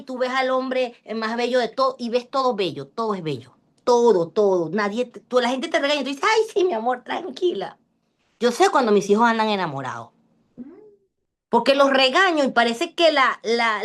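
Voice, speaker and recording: Lively woman teaching online. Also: sits high. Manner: lively, chatty, jokes with the class. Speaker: class instructor. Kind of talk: online lecture.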